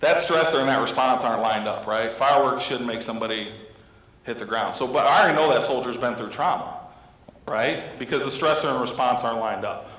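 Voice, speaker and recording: Counselor, 30s man, mid-pitched, speaking to an audience in a reverberant hall. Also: a bit bright. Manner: storytelling, asks the audience questions. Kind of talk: talk to an audience of teachers. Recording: echoey hall with long reverb.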